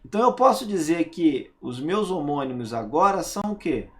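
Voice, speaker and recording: A man's voice: a little high, very animated, normal speed. A man teaching a grammar lesson, stressing single words and asking rhetorical questions to check understanding.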